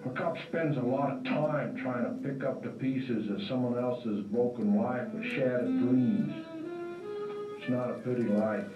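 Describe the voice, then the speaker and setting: A man's voice: mid-range voice, lightly acted. A man playing a weary hardboiled noir detective. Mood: world-weary. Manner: drawling, slow, wry tough-guy delivery. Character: world-weary hardboiled male detective narrator. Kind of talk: film-noir voice-over narration. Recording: roomy, distant, dull lo-fi recording with faint music.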